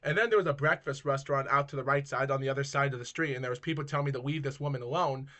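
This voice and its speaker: A man's voice: medium pitch, racing, bright, forceful tone. A man telling viewers a personal street story in a rambling, casual vlog style, restarting sentences and often calling them guys. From Maine, United States.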